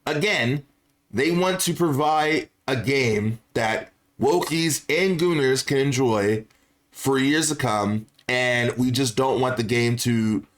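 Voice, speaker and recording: A gaming YouTuber with a mid-range voice speaks slowly, offering casual, opinionated commentary to viewers in informal slang and repeating phrases for emphasis.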